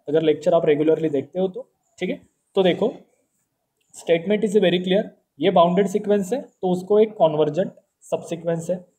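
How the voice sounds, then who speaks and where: A man giving a math lecture, explaining step by step and asking and answering his own questions. He states each theorem slowly and deliberately. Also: high voice, mellow, a little hiss or hum. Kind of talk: classroom math lecture, Hindi mixed with English.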